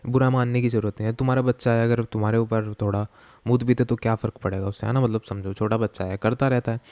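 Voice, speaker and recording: A man's voice: mid-range voice, steady tone, fast, a little mellow, dry recording. A young Indian man with an Indian accent giving joking, chatty reaction commentary, mixing Hindi and English. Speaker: reaction video host.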